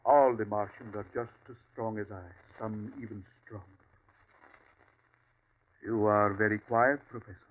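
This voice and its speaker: Speaking a little slowly and pausing often, a man with a natural, lowish voice plays the villain in an old 1940s radio drama: a calm, superior Martian invader posing as a ranch host. His manner is suave, courteous, and coldly condescending, full of smooth menace, on a tinny broadcast with faint hiss.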